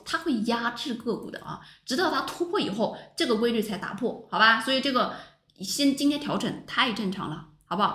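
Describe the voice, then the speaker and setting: A woman teaches a stock market class over chart screens. Her pitch swings widely and she keeps throwing rhetorical questions at her viewers. The sound has a roomy echo around it. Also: a bit bright. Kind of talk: livestream stock chart lesson.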